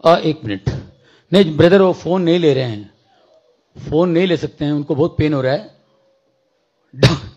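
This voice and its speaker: Heard with the highs cut off, a man with a fairly high, husky voice preaches a church testimony at a moderate pace, pausing often. His storytelling includes acted dialogue and English phrases, and he bursts into shouting prayer.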